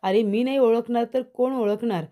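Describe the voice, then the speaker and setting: A woman voicing a frightened older mother who insists in repeated denials that a man is not her son, in a mellow low-key tone. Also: normal speed, close to an everyday voice. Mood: agitated.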